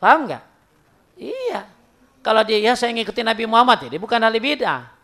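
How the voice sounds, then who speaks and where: A man's voice: extremely high pitch, fairly quick, vocal fry. A man giving an informal sermon, telling stories and acting out dialogues. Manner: lively storytelling, acts out dialogues. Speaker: preacher.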